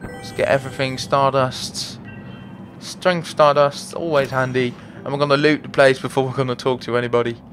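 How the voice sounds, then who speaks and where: A man's voice: medium pitch, fairly even intonation, moderate pace, a bit bright, soft background music. A man hosting a let's play video, chatting, thinking aloud, and joking at his own expense as he plays. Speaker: gaming video host.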